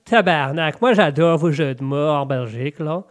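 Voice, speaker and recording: A man's voice: a little high, moderate pace, close to an everyday voice. A man with a cold voicing a cheerful, cocky Québécois man in a put-on Québécois accent, playful and dropping local swear words. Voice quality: congested, stuffy. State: has a cold.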